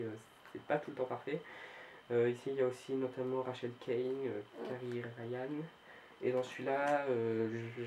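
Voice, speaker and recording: A man's voice: mid-range voice, darkish tone, a little hiss or hum, poor audio. A man casually showing his book collection on his video channel, talking hesitantly with many fillers and restarts. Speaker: book vlogger.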